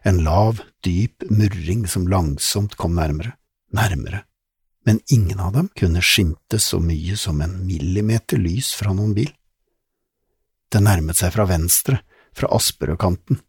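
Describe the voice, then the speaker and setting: A man narrating a children's audiobook in an expressive, suspenseful way. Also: low-pitched, slightly rough, no room sound, studio quality. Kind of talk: scripted narration.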